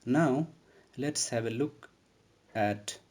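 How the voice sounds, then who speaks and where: A literature lecturer gives a recorded lesson on a poem, methodically explaining terms step by step. His mid-range voice moves at a slow pace and sounds a little mellow.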